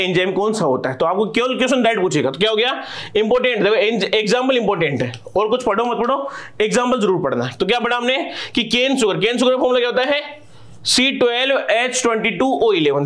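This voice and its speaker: Indian male teacher, lighter high voice, rhetorical question-and-answer lecturing. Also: a bit bright. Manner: asks questions and answers them himself, calls listeners sahab. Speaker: chemistry teacher. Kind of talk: live class lecture.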